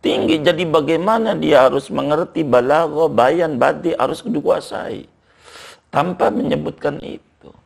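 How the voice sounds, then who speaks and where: An older man, an Islamic scholar, explaining at length in a relaxed interview and reciting Arabic text aloud. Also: fairly high pitch, a little slow, gravelly.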